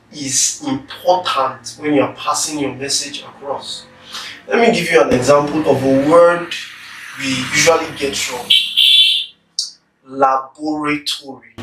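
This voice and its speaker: A man teaching public speaking in a slow, deliberate lecture, carefully stressing syllables as he demonstrates words. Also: on the high side, a bit bright. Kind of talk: instructional lecture. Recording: echoey room, somewhat far from the mic.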